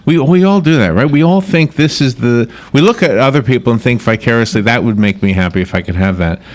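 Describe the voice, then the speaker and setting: A man's voice: medium pitch, fast. A man with a Long Island accent hosting a casual radio talk show, rambling and chatty, often checking for agreement. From Long Island, New York, USA.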